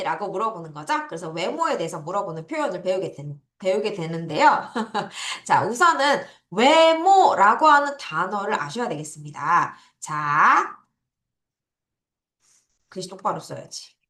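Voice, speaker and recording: A woman teaching English words to children, drilling them slowly and laughing now and then. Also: mid-range voice, big pitch swings, fairly bright tone. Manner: slow, drawn-out drilling of words. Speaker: English tutor. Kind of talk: online vocabulary lesson for children. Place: classroom. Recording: echoey room.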